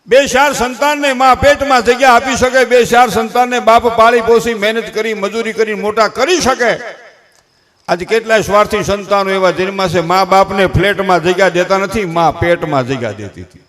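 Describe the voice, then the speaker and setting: Older man, high voice, Kathiyawadi Gujarati accent; folksy stage comic who preaches as he jokes. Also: moderate pace, fairly bright tone. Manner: folksy, preachy, with rustic dialect. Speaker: folk comedian and speaker. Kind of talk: humorous stage talk with moral advice. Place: stage before a live audience.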